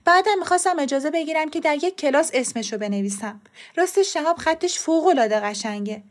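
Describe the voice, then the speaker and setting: A flustered woman teacher rushes through her account, nervous and eager to explain herself, as read by a woman. The voice is high and bright, and it is told as a storybook reading. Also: expressive. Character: flustered female schoolteacher.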